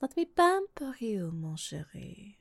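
A tender middle-aged woman, as a woman acts her out speaks to the listener in an unhurried, soft hush. Her voice is husky and breathy, with a pampering, teasing warmth. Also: medium pitch, very animated, dry recording, full character voice. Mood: doting. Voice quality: soft, breathy, half-whispered. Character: doting middle-aged French woman, affectionate roommate and mother. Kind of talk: audio roleplay to the listener.

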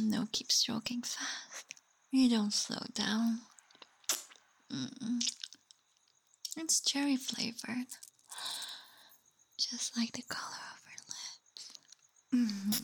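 A woman speaking in a teasing, taunting whisper for a roleplay audio, with soft hums and sighs between lines. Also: on the high side. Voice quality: breathy. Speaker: voice actor.

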